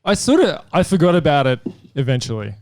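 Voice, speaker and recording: A man's voice: on the high side, big pitch swings, brisk, darkish tone, no room sound, clean studio sound. A man, a punk band member chatting casually in an interview, rambling with lots of fillers and restarts. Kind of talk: casual chat.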